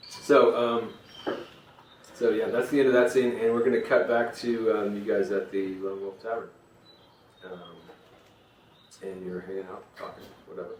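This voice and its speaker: Low-voiced, laid-back dungeon master. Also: male voice, level tone, normal speed, pauses often. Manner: casual, rambling, full of fillers. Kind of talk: narrating a tabletop game. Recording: roomy, distant, noisy home recording.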